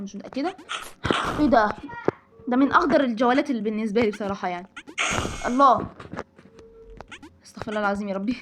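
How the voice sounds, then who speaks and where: A high-pitched, fast-talking woman with an Egyptian Arabic accent gives excitable let's-play commentary, exclaiming at every trap in the game. Steady noise hums under her voice. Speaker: gaming channel host.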